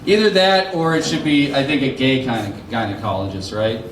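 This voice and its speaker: A man's voice: medium pitch, moderate pace, noisy background. A man doing loose, rambling stand-up comedy and crowd work at an open mic, laughing at his own asides. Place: comedy club stage. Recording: roomy club sound.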